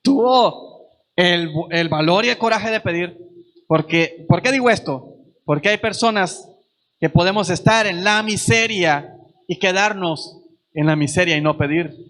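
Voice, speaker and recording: A man's voice: sits high, measured pace, fairly bright tone. A man preaching a sermon at a church service, earnest and repeating phrases for emphasis.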